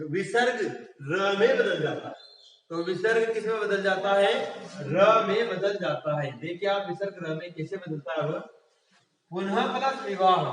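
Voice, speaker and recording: Man with a Rajasthani Hindi accent, grammar teacher, high voice, recorded from a distance in a very echoey hall. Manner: explains step by step, asks and answers his own questions. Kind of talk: classroom grammar lesson. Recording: echoey hall, far from the mic.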